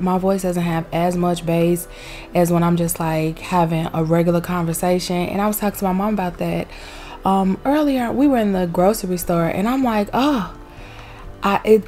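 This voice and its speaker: In her home room with a noisy heater going, a young vlogger chats brightly over a desk mic, sprinkling in Southern slang. Her voice is mellow and on the low side.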